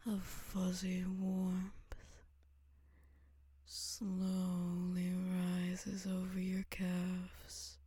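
A woman whispering a slow ASMR hypnosis roleplay, drawing out coaxing commands. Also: fairly low pitch, monotone, warm tone, husky, no room sound.

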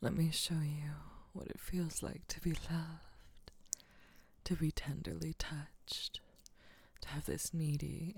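A woman playing a doting female caretaker who talks in a soft, hushing whisper. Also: low voice, vocal fry, breathy edge, no room sound, full character voice. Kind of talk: intimate audio roleplay.

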